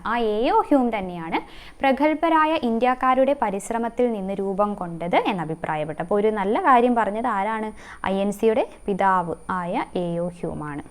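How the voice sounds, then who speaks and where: A woman's voice: mid-range voice, clear, resonant tone. A young woman teaching an exam-prep lesson, quizzing the listener, repeating the answers and linking facts with memory tricks. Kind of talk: online lesson.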